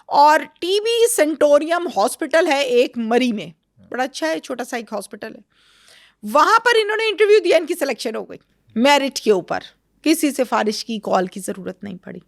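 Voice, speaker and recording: A woman, an interview guest, recounting a crime case in lively conversation and acting out the quoted dialogue. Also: high voice, no room sound, clean studio sound. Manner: animated storyteller, acts out quoted dialogue.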